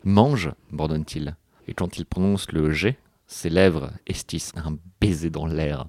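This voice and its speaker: A man's voice: extremely low pitch, steady tone, a little slow, creaky, a little mellow, no room sound, clean studio sound. A man co-hosting a podcast, reading a novel aloud in a joking, mock-dramatic way with banter. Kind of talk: comic book reading with banter.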